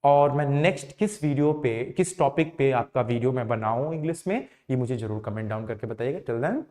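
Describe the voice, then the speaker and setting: A man teaching an English lesson, explaining slowly, repeating words for emphasis and answering his own questions. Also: medium pitch, animated, a little mellow. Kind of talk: classroom lesson.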